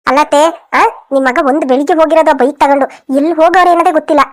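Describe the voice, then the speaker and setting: Woman voicing cartoon village women, scolding, dramatic, high voice, quick talk. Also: fairly even intonation. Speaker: voice actor for several cartoon women.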